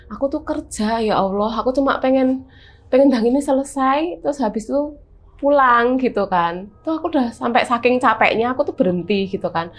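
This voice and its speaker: A woman with a Javanese accent, a guest telling her own horror experience in casual chat, animated and vivid with lots of fillers. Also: a little high, normal speed. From Semarang, Central Java, Indonesia.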